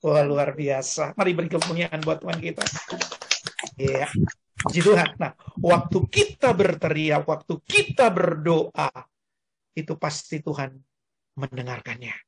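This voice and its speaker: An older man, a grandfather, preaching a lively sermon on a video call and having listeners repeat after him. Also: fairly high pitch, measured pace, creaky, a little hiss or hum. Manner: animated, calls congregation to repeat words. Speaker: pastor.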